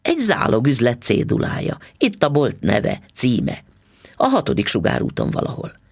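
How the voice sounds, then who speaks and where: A man reading a storybook voices a pedantic, self-satisfied husband who speaks in a measured, lecturing and condescending way, with a creaky, husky tone. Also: medium pitch, wildly swooping pitch, dry recording, clean studio sound, heavily acted. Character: pedantic middle-aged dentist husband, precise and smug.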